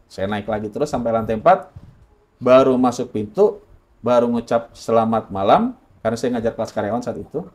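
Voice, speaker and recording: A man's voice: medium pitch, animated, a little fast, darkish tone. A man from Indonesia telling his personal story in an interview, earnest and correcting himself often.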